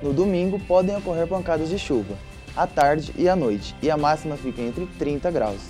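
A man's voice: on the high side, expressive, moderate pace, dark tone, faint music behind. A young man presenting a scripted weather forecast in a studio, reading steadily. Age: young adult.

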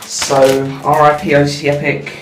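A man's voice: fairly high pitch, completely flat delivery, a little slow. A teenage boy casually explaining things to camera as a vlogger. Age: teens. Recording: echoey, distant camera mic, clearly noisy.

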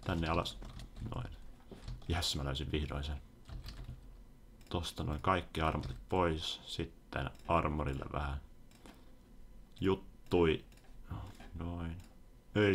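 A young man giving excitable, casual commentary over his own gameplay, sometimes yelping when startled. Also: low voice, gravelly, pauses often, slight background noise. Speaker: gaming video host.

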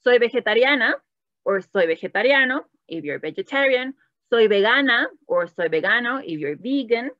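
In this bilingual online language lesson, a woman from Latin America switches between English and Spanish to praise her students, patient and encouraging. She speaks at a moderate pace in an expressive voice on the high side, on a dry, lo-fi recording.

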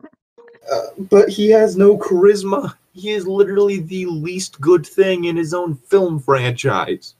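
Reading fan fiction aloud as a co-host, a man with a high, darkish voice speaks slowly over poor-quality audio. His commentary is casual comedic banter, exasperated and full of swearing.

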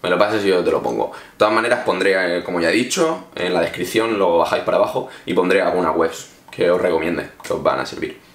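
A man from Spain talks straight to his viewers in a loose, chatty vlog, handing out informal advice. His voice sits low. The room around him is echoey. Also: fast talker, hardly any pauses. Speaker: English teacher vlogger. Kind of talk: casual advice talk to camera.

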